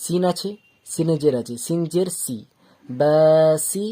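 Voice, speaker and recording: A teacher gives a Quran reading lesson in a mellow, medium-pitched voice at a slightly slow pace. Patiently spelling out letters syllable by syllable and drawing out the long vowels, they repeat each step and check for understanding.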